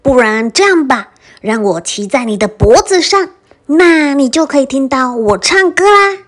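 A woman's voice: sits high, animated, normal speed. A woman voicing a sly, crafty little mouse in a storybook reading, sweet-talking and wheedling.

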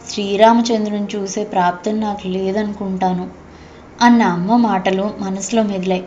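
A woman's voice: medium pitch, a little mellow. Woman narrating a heartfelt audio story. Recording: dull, slightly lo-fi recording.

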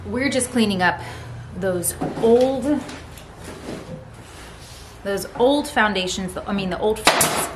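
A woman's voice: mid-range voice, slow, pauses often. A woman in her thirties chatting casually as she explains how to clean old beehive frames while working in a large barn. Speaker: homesteading vlogger. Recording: loud background noise.

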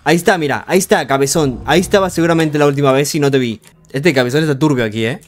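A young man giving frantic live commentary on a horror game, urging himself on with rapid repeated words and joking with the game's characters. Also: on the high side. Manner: jokey, talks to the game's characters. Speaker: gaming streamer.

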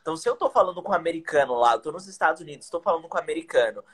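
In a small room indoors, a young English teacher from Brazil talks with energy on a video call, using slang and rhetorical questions. His husky, fairly bright voice is a little high, expressive and rapid-fire. The webcam catches a casual live-stream chat full of teaching tips.

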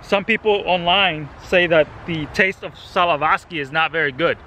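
Holding the camera at arm's length, a gardening vlogger in his thirties from El Salvador raves about the fruit he samples in a home yard. His voice runs on the high side, bright and forceful, at a normal speed. Some slight noise can be heard behind him.

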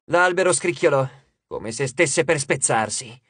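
A man narrating an audiobook in a lively, dramatic storytelling manner on a studio microphone. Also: fairly high pitch, unhurried, breathy edge, no room sound.

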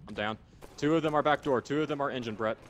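A man in excited team voice chat during an online match, barking rapid repeated callouts and urgent commands. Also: mid-range voice, a little hiss or hum. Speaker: team shot-caller.

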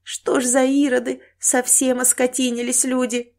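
A woman's voice: a little high, flat delivery, normal speed, voice pushed up, lightly acted. A woman narrator voicing a kind, fearful older countrywoman who frets and weeps in an audiobook. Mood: worried. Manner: fretting, tearful exclamations.

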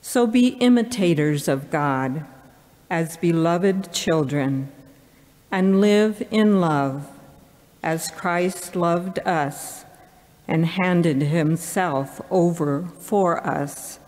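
A middle-aged woman reading scripture at a lectern, deliberately, pausing between phrases. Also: lowish voice, a little mellow. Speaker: church lector. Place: large church, at the lectern. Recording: long church hall reverb.

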